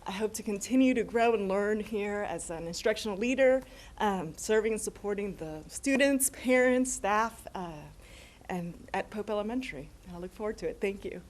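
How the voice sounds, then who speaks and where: A woman's voice: mid-range voice, moderate pace. A middle-aged American woman giving an informal, conversational thank-you speech as a new assistant principal, a little hesitant. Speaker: newly appointed assistant principal.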